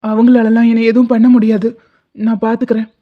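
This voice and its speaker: A woman's voice: fairly high pitch, level tone, quick pace, phone-quality sound, natural voice. A woman voicing a heartbroken young man in love, earnest and remorseful. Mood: defiant.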